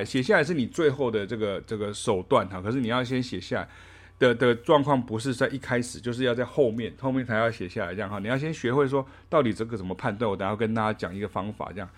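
A man giving a casual spoken jazz lesson, chatting in a loose, rambling way and scatting rhythms aloud. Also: mid-range voice. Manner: chatty, ends phrases with a soft "ha", scats rhythms aloud. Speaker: jazz teacher.

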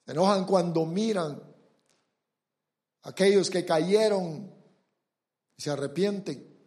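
A man preaching a sermon with emphasis, urging his listeners again and again to look and pay attention, and swinging between loud and hushed delivery. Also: sits high, slow pace. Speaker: pastor.

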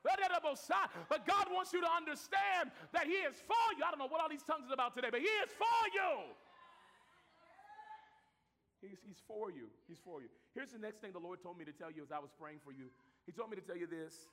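A man with a very high, bright, ringing voice preaches a sermon to a church. He rises into shouted declarations and then drops into low, quiet asides. His voice carries a long reverb from the sanctuary around him. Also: animated, a little fast.

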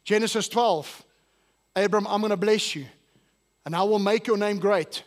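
This South African pastor speaks in a high-pitched voice at a normal speed. English isn't his native language, and during the church service he preaches to the congregation and asks them questions.

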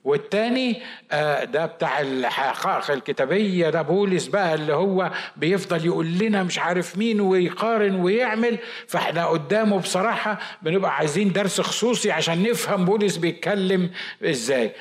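A man with an Egyptian Arabic accent, preaching a Bible study sermon in a lively, talkative way with asides and mock quotes. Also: fairly high pitch. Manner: says he shouts and talks fast. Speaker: pastor.

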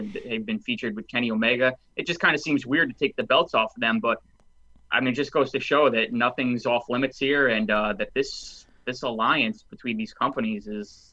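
A man co-hosting a casual wrestling chat, giving measured, reflective takes. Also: medium pitch, sharp tone, muffled recording. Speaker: podcast co-host.

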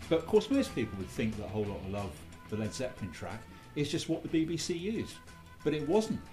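A man's voice: medium pitch, big pitch swings, fairly quick, a little mellow, soft background music. A man hosting a podcast, giving discursive, casual commentary on culture in a musing way. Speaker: podcast host.

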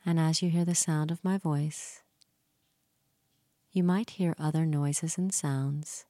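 Slow, low-voiced woman guiding hypnosis. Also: fairly even intonation, no echo, studio quality. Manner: slow, soothing, gently repetitive. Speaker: guided relaxation leader. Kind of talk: guided hypnosis meditation.

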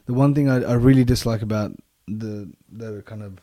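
A man's voice: lowish voice, moderate pace, warm tone, dry recording. A man talking casually and reflectively, repeating his phrases for emphasis.

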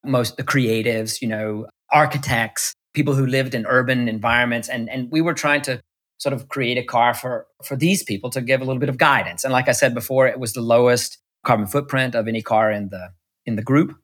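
An American electric car executive, interviewed in Munich, chats through stories with lots of restarts and fillers. His medium-pitched, fairly bright voice is brisk with fairly even intonation.

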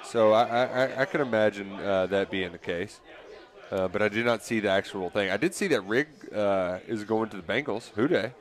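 A man co-hosting live sports radio at a racetrack, excitable and jokey. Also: on the low side, normal speed, some chatter behind. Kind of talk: casual radio banter. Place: outdoor live broadcast at a racetrack.

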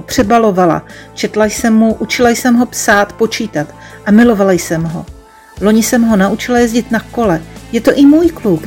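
A shy woman of about thirty, crying as she talks, voiced by a female narrator. Her lines come out plaintive and pleading, a bit higher and louder than the telling around them. Soft music plays faintly under the storybook reading. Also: lightly acted. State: sobbing, crying.

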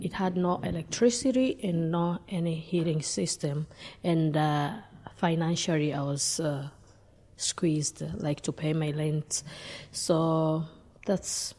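A woman from Zambia being interviewed, speaking in a halting, hesitant way. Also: fairly low pitch. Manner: halting, hesitant, soft-spoken.

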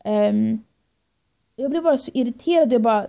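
A young woman and podcast guest in casual chat, telling a story in lively detail, acting out what she and others said and dropping into English phrases. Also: on the high side, gravelly. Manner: animated storytelling, quoting herself and others.

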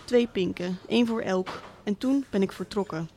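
A woman reading a literary monologue as a cynical, wealthy absent father, speaking in a dry, deliberate, sardonic way. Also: mid-range voice, warm tone, natural voice. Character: cynical rich middle-aged father, absent tycoon.

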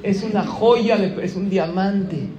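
Un rabino con acento mexicano que da un sermón contando una historia con moraleja y hablándole directamente al público. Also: male voice, sits high, slow pace, lo-fi sound, crowd noise. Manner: lively storyteller, addresses audience directly. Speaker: rabbi. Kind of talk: sermon with a moral story.

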